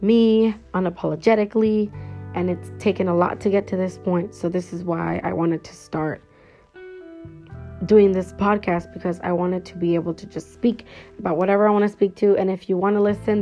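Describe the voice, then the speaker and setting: A woman in her twenties hosts her own solo podcast, opening it casually with a chatty, upbeat ramble full of fillers. Her voice sits in the mid-range with a dark tone, steady and at a normal speed. The lo-fi recording sounds slightly dull, with faint guitar music behind her.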